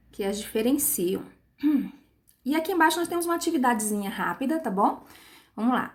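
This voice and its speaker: A woman teacher giving a recorded online lesson to young pupils, patient, spelling words out slowly and checking in with short tag questions. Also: on the high side. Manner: patient, stretches words syllable by syllable.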